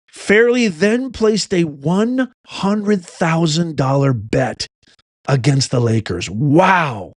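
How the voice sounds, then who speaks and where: A middle-aged man hosting an opinionated commentary, reading news reports aloud and breaking in with blunt, animated asides. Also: fairly high pitch, slow, no echo, clean studio sound. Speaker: host.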